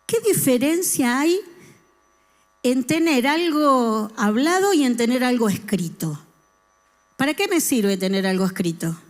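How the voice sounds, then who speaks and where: A middle-aged woman preaches a sermon in a lively way. Her voice sits a little high for a woman, and she keeps turning to the congregation with questions. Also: unhurried. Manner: lively, talks with the congregation and asks them questions. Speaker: church speaker.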